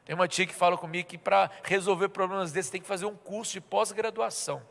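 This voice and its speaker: A man's voice: high voice, fairly even intonation, quick pace, vocal fry, a bit bright. A man with a Brazilian Portuguese accent from Minas Gerais, preaching a sermon and telling a personal story, acting out the people in it. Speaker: pastor. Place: church. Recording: reverberant church hall.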